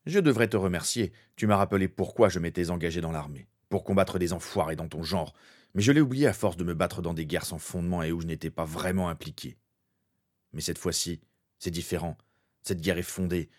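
A man voicing a grim, vengeful soldier in a fan fiction reading, speaking low and threatening. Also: brisk.

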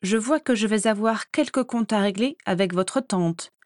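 A woman voicing a lively adult woman in a storybook reading, hearty and outspoken, quick to turn sharp. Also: lowish voice, no echo, clean studio sound, natural voice. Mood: indignant. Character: lively grown woman, warm but quick to anger.

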